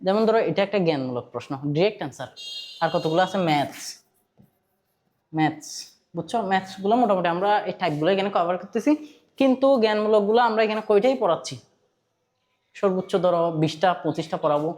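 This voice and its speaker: Bangladeshi-accented physics tutor, chatty lecture, repeats and quizzes, mid pitch. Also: fast talker, pauses often, darkish tone. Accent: Bangladeshi Bengali. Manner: conversational, quizzes students, repeats points, mixes in English terms. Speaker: physics teacher. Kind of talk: online class lecture.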